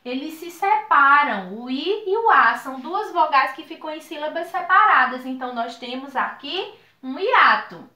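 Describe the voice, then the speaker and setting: A woman's voice: high voice, echoey room. A woman from Brazil teaching a recorded video lesson for children, drawing out the words she spells. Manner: slow, drawn-out spelling of words, lively teacherly sing-song.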